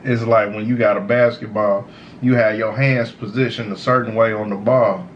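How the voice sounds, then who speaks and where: A man who sounds high, giving a casual, slangy, meandering stoner monologue of motivational advice as a show host. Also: fairly even intonation, normal speed, lo-fi sound, slight background noise. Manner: repeats "you know" tags, informal slangy phrasing. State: high on cannabis. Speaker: host of a smoke session series.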